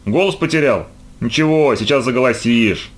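A man voicing a stern, scornful female hospital orderly in a storybook reading, with a gruff, mocking delivery. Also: mid-range voice, moderate pace, natural voice.

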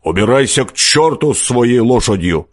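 A man's voice: lowish voice, fairly even intonation, a little slow, a little mellow, husky, no room sound. A man reading an audiobook, voicing a stern forester who speaks curtly and grumbles. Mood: gruff. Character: gruff stern male forester, curt.

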